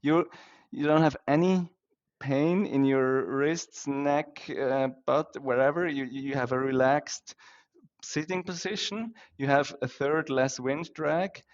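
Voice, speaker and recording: A man's voice: fairly high pitch, fairly even intonation, slow pace, dull audio. A man from Switzerland with Swiss German as his first language, a podcast guest who talks with enthusiasm, laughs often and restarts his words. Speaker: guest, company founder. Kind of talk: casual interview.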